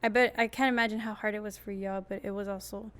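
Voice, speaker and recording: A young woman hosting a podcast chats casually at a fast clip in a medium-pitched voice. She tells a story with liveliness, acting out the quoted lines.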